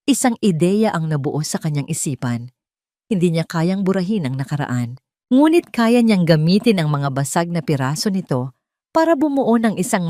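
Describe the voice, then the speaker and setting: A woman with a Filipino accent narrates a dramatic, scripted audio story in a lowish, darkish voice. The recording is dry, with clean studio sound.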